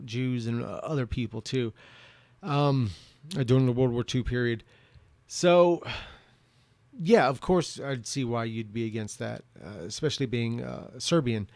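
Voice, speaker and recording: A man giving a rambling, off-the-cuff opinion monologue, often halting, repeating words and restarting his sentences. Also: medium pitch, vocal fry, darkish tone, no room sound. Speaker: video commentator answering viewer questions.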